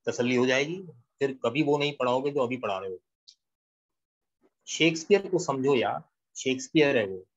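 A man giving a poetry lesson, explaining slowly and repeating key lines while switching between Hindi-Urdu and English. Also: medium pitch, lo-fi sound. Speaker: English literature teacher. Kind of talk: classroom-style poetry lecture.

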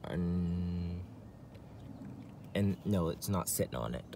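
A vlogger talks through the CB radio in his truck, moving in and around the parked vehicle. He speaks slowly in a low, dark-toned voice, rambling and hesitating and frequently repeating himself. The handheld recording is noisy with vehicle ambience.

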